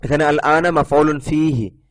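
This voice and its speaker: A man's voice: on the high side, moderate pace. A man giving a recorded Arabic grammar lesson, reading example sentences, translating and explaining them step by step, sometimes correcting himself. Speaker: Arabic teacher.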